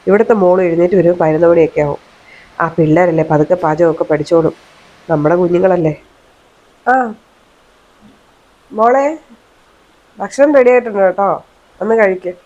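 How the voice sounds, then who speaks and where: A woman playing a doting, soft-hearted middle-aged mother-in-law who talks in a gentle, coaxing way. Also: on the low side, a little fast, pauses often, highs cut off, voice pushed down, close to an everyday voice. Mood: fond.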